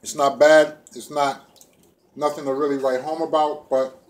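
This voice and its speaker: Sitting in a small room at home, a middle-aged man with a slightly high voice eats and talks casually to a camera or phone set up within arm's reach. This food vlogger is relaxed and playful with plenty of slang, though his delivery is flat and measured, with a little hiss or hum in the audio.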